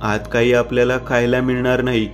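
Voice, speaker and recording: A man voicing a frightened young woman in a horror story, begging her friends to turn back, in a flat reading voice. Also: mid-range voice, fairly quick, faint music behind, natural voice. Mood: scared.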